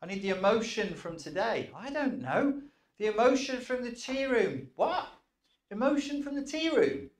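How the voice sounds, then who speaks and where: Man doing a squeaky fussy inner file clerk. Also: big pitch swings, moderate pace, roomy sound. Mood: incredulous. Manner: squeaky, incredulous questioning.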